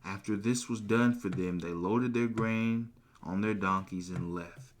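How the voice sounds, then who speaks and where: A man hosting a podcast, retelling a Bible story in a casual, slangy, animated way. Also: fairly low pitch, measured pace. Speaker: podcast host.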